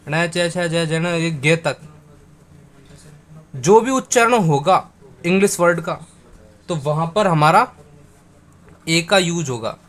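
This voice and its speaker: Speaking a little high with lively intonation and a bit of brightness, this teacher walks through a grammar lesson, spelling words out and repeating them slowly as if talking to friends.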